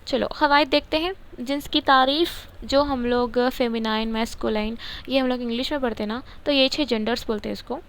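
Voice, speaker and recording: A woman's voice: a little high, fairly even intonation, hardly any pauses, fairly bright tone, clear, resonant tone. A woman explaining a grammar textbook in a casual lesson, asking questions and answering them herself. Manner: repeats words, asks and answers her own questions. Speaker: teacher.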